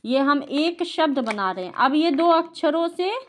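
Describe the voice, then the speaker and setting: Woman teaching a kid at home, high voice, keeps asking and repeating, patient. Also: animated, measured pace, slight background noise. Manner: patient, asks questions and repeats answers. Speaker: tutor teaching a child. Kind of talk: home tutoring, Hindi lesson.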